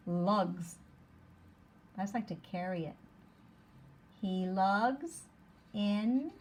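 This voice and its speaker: A woman teacher reading a simple story aloud to young children, sounding out each word slowly and clearly. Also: medium pitch, darkish tone, slight background noise. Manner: slow, deliberate, sounding out words.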